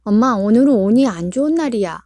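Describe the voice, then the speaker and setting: A woman reading aloud puts on a small schoolchild, upset and sulky, whining and talking back in a high, strained voice. It sounds close and dry, with a soft, mellow tone underneath. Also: animated, quick pace, no echo, natural voice. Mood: aggrieved. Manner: whiny, complaining, shouting back.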